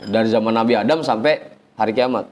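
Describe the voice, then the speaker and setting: A man teaching an informal religious lesson, chanting Arabic phrases slowly, then explaining in a chatty, teasing way. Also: fairly low pitch, a little hiss or hum. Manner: chatty, teasing the audience, colloquial asides. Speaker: ustadz teaching a religious study circle.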